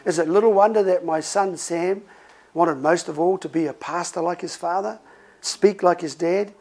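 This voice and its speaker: High-pitched gravelly male pastor. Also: normal speed, rough recording. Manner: conversational, animated storytelling with laughs. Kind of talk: sermon.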